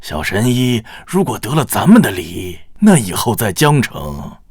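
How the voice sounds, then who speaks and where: An actor playing a boastful, competitive older rich patriarch who brags and teases. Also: male voice, fairly low pitch, huge pitch swings, measured pace, a little mellow, husky, dry recording, clean studio sound, exaggerated voice. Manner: bragging, teasing.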